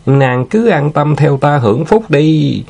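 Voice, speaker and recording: Guy reading doing a sleazy bragging villain, voice pushed up higher, kinda husky. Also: expressive, slow pace, a little mellow, exaggerated voice. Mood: leering, boastful. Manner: leering, sweet-talking, boastful. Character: lecherous young male villain, boastful and gloating.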